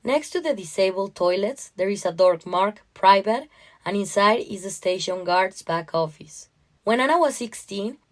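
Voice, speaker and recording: Reading aloud from a first-person literary short story, a woman uses her mid-range voice to give an expressive, emotionally charged performance.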